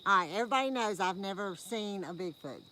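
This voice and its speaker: Outdoor recording with insects in the background. A woman speaks in a thick Deep South accent. She chats and tells stories in a folksy, playful manner. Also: lively intonation, fast talker, sharp tone. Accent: thick Deep South American. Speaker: guest storyteller. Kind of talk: casual storytelling. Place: outdoors at a campout. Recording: outdoor night ambience, insect noise.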